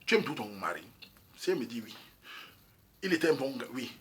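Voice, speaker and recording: With a mid-range, sing-song voice at a brisk pace, a man from Cameroon working as a YouTube commentator in Europe offers casual opinions on a couple's troubles. He is emphatic and repetitive and often speaks straight to his audience, with slight background noise present.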